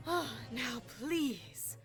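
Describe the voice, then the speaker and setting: A woman voicing a pompous, formal mare on a high council, speaking in a proper, scolding manner in fan game voice acting. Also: drawn-out words, soft background music, exaggerated voice. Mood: stern.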